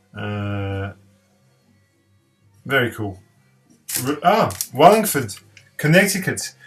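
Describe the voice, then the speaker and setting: A man's voice: mid-range voice, a bit bright. A man from eastern France, reviewing records in a casual vlog, hesitant with many fillers, repeating his praise with enthusiasm. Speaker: record collector.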